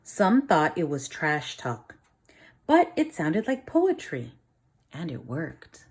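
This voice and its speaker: This woman teacher has a deep voice with huge pitch swings. She reads a picture book aloud to kids, instructively pausing for questions and simple explanations.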